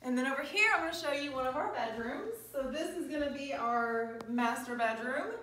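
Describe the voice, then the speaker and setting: A woman's voice: high-pitched, lively intonation, brisk, sharp tone, distant mic. A woman in her thirties or forties giving an upbeat, gushing sales tour of a home as a real estate agent, recorded by a camera a few steps away in an empty apartment. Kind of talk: friendly promotional walk-through tour. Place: empty carpeted apartment, indoors. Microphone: handheld camera a few steps away. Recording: roomy echo, off-mic, faint-to-clear noise.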